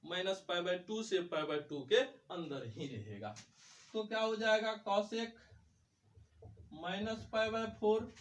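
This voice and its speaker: Male math teacher, unhurried delivery, booming echoey room. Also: a bit bright, slight background noise. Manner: poses questions and answers them himself. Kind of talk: whiteboard lecture. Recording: echoey room, mic far off.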